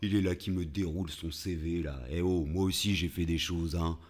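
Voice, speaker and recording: An actor playing a pompous, boastful, mocking dubbing coach in a comic audio fiction, with a French accent from France and a jokey, bragging manner. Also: male voice, low voice, steady tone, normal speed, a little mellow. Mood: boastful, aggrieved. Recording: long reverberant echo.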